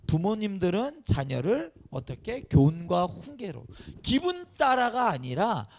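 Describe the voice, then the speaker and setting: A man's voice: a little high, gravelly. A man preaching a children's sermon as pastor, often asking the children questions and calling on them. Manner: animated, questioning the children directly. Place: church sanctuary.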